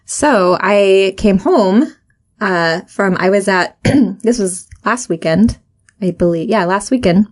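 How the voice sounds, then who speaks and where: A woman's voice: mid-range voice, slow. A woman co-hosting a podcast, telling a story in casual chat with a rambling, filler-heavy manner. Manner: rambling, many fillers and restarts. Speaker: podcast co-host.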